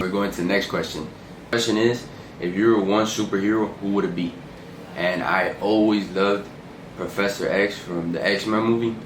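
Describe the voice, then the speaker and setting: A man of twenty-two from Miami, chatting casually as a vlogger and telling stories in a relaxed, rambling way. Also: low voice. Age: 20s. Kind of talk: casual chat to camera. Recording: echoey room with background noise.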